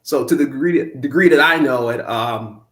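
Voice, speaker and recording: A young man from Minnesota, a guest in an interview, speaking reflectively with frequent restarts and ums. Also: medium pitch. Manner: halting, many restarts and ums. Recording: roomy echo.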